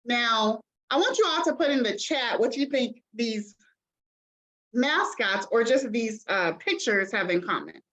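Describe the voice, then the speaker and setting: A woman's voice: fairly high pitch, lively intonation, a little slow, a bit bright, poor audio. Chatty woman leading a video-call info session. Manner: chatty and encouraging, many ums and okays. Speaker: admissions representative. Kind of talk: online information session.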